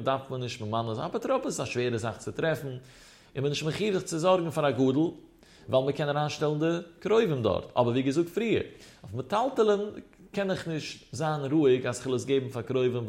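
A man teaching a Talmud study lecture, explaining emphatically with his pitch swinging up and down. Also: darkish tone.

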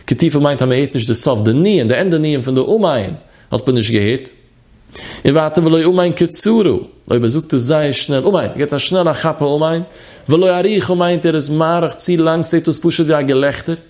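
A man's voice: a little high, moderate pace, darkish tone. A man giving a lesson on religious law, explaining steadily and mixing study terms into his speech. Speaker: religious teacher.

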